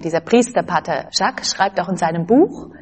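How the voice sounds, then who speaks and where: A woman giving an earnest spiritual talk, quoting saints and scripture in a gentle way. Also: on the low side, expressive, moderate pace, husky. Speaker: religious speaker.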